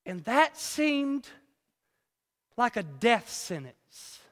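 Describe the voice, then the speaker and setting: A man preaching a sermon, telling a folksy story and swinging between loud emphatic lines and hushed ones. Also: very high-pitched, sing-song, drawn-out words, big-room sound. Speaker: pastor.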